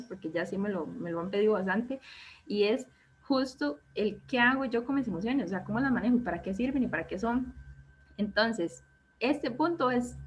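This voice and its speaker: A woman therapist with a Costa Rican accent leading a self-esteem workshop in a relaxed conversational way. She keeps checking in with her listeners and acts out quoted thoughts in a raised voice. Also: a little high. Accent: Costa Rican Spanish. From Costa Rica. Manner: conversational, checks in with frequent "¿ok?" and "¿verdad?". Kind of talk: live online workshop talk. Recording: dull lo-fi sound with faint background noise.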